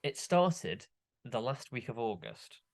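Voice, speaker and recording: A man's voice: mid-range voice, very animated, takes it slowly. A young man on a casual podcast, complaining in an exasperated rant. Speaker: podcast co-host. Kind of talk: casual chat.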